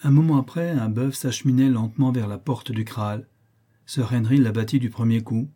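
A man narrating an adventure novel in the first person, steady and storytelling. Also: medium pitch, moderate pace, breathy edge. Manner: steady storytelling with acted dialogue. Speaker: audiobook narrator.

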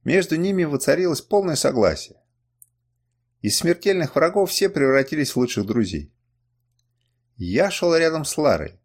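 A man reading a first-person adventure novel aloud with an expressive, dramatic delivery. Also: fairly high pitch, moderate pace, long pauses. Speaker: audiobook reader.

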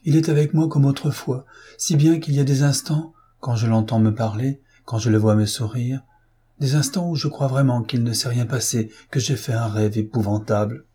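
A man's voice: medium pitch, normal speed, warm tone, slightly rough, lightly acted. A man reading an audiobook, voicing an anguished, tearful young aristocratic wife in a pleading manner. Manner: pleading, sobbing.

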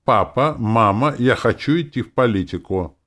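A man's voice: medium pitch, animated, normal speed, fairly bright tone, voice pushed up, natural voice. A man reading an audiobook, voicing a bold, headstrong young daughter who talks back sharply and mockingly. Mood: resolute.

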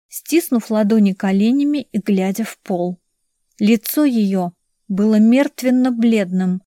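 A woman narrating a novel in the first person in a measured, even storytelling way. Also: fairly high pitch, no echo, studio quality. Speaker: audiobook narrator.

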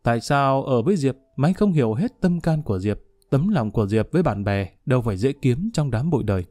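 A man's voice: medium pitch, animated, a little fast, mellow, no echo, studio quality, soft background music. A man narrating a dramatic story in a scripted reading.

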